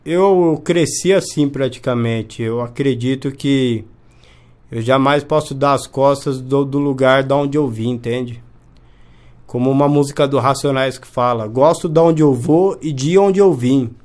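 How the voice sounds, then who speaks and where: A man's voice: medium pitch, a little slow, a little mellow. Earnest man, mid-range voice, testimonial interview delivery. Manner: earnest, often asks "entende?".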